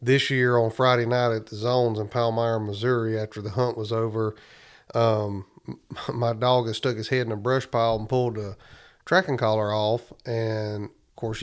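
A man's voice: medium pitch, clear, resonant tone. A man hosting a podcast, chatting casually in a folksy way. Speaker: podcast host. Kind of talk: casual interview chat.

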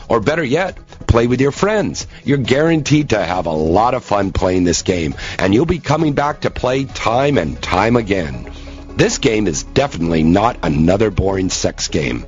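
A man reading a scripted ad in a salesy infomercial style, as an announcer pitching a product. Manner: salesy pitch, spells out web address slowly. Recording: dull lo-fi audio with faint music bed.

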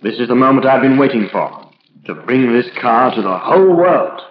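A man's voice: mid-range voice, very animated, moderate pace, background noise, natural voice. Man acting a fervent idealistic inventor, echoey sound. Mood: determined. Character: fervent, idealistic male inventor, stubbornly visionary. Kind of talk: old radio drama acting. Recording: echoey, muffled old radio recording.

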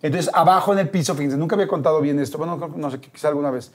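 A man's voice: fairly high pitch, rapid-fire. A man with a Mexican accent telling an anecdote as a guest in casual chat, acting out the quotes. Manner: animated, acts out quotes. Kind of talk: casual storytelling.

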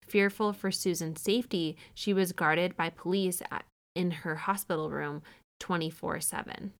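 A woman in her thirties talks through a recap in a loose, chatty way. She keeps throwing in sarcastic asides. Her voice sits a little low. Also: fairly even intonation, normal speed. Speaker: podcast host recapping a true-crime show. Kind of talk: casual commentary.

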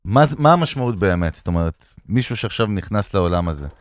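A man's voice: fairly low pitch, expressive, no echo, clean studio sound. A man hosting a podcast, joking around with brash banter while asking questions. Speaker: podcast host. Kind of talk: casual podcast conversation.

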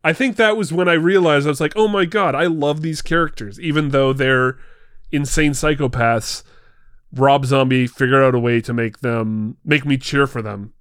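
A young adult man in a casual film chat, telling scenes with excitement and swearing freely. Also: medium pitch, normal speed, smooth, no room sound, studio quality. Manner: enthusiastic storyteller who swears and acts out scenes.

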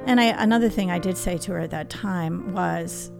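A middle-aged woman, a therapist, telling a personal story in an interview in a reflective, halting way. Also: lowish voice, creaky, over music.

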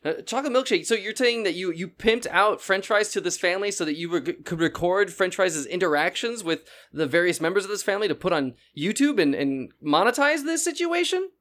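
A man hosting a mock talk show, asking mock-serious questions with lots of halting restarts. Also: high voice, lively intonation, fairly bright tone. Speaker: host.

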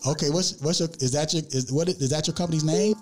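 Host running a call-in show, talks fast, repeats stuff, loud music behind. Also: mid-range voice. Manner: eager, repeats phrases. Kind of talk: live call-in show hosting.

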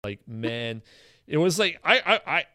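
A man with an Acadian French Canadian accent, hosting a casual bilingual interview in an informal, halting way. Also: on the high side, big pitch swings, pushed and bright, dry recording, clean studio sound. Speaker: host.

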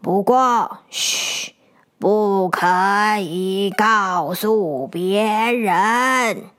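A woman voicing a gruff but kindly old grandma lizard in a storybook, speaking low and drawn-out. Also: very animated, a bit bright, exaggerated voice. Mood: grumbling.

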